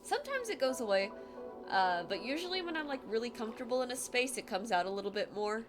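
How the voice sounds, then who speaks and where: A woman with a light Filipino accent and a high-leaning, sing-song voice talks at a quick pace. She's a game streamer chatting casually on a live stream, laughing often, reading chat aloud and making fun of herself, with game music playing underneath.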